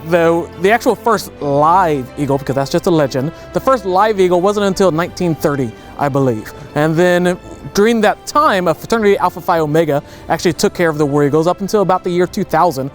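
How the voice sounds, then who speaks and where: A young man talks quickly in a fairly high voice, explaining in an anecdotal way as a raptor center educator. He is recorded outdoors on a field, with faint music beneath. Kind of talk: informative interview answers.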